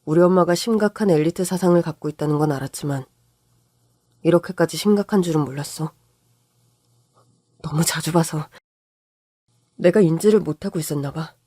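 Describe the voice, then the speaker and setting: A woman voicing a calm, weary husband who speaks low and subdued. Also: brisk, pauses often, no echo, clean studio sound. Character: weary calm husband, low-voiced, fed up with his mother.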